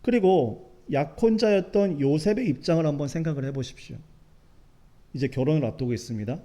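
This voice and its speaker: A pastor delivering a Sunday morning sermon, his voice sitting a little high for a man. His tone is warm and mellow. He tells stories and slips into the voices of the people in them. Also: lively intonation, a little fast. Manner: storytelling, acts out dialogue of churchgoers. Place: church sanctuary.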